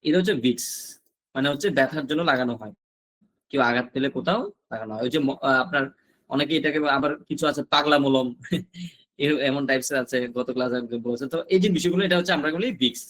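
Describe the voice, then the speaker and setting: A man's voice: medium pitch, fast talker, a bit bright. A male teacher gives a class lesson, repeating each word pair and answering his own questions. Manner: repetitive drilling, asks and answers own questions.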